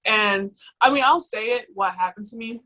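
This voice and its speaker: In a poor-quality recording, a young woman guest reminisces frankly about her own experiences in a bright, clear, medium-pitched voice. She keeps pausing, backtracking, and restarting, filling gaps with fillers.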